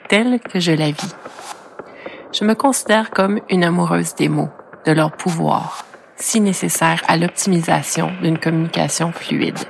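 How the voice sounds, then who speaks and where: A middle-aged woman with a Franco-Ontarian French accent, reading a personal podcast narration in a measured, reflective way. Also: lowish voice, creaky, slight background noise. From Ontario, Canada. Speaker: podcast host.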